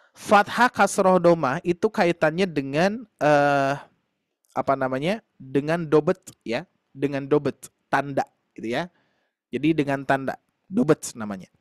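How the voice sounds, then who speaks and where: Male teacher, fairly high voice, dry close sound, patient and filler-heavy, keeps addressing the class. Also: no echo. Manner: explains slowly with many fillers, addresses students directly. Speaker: Quran recitation teacher. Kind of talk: online tahsin class lecture.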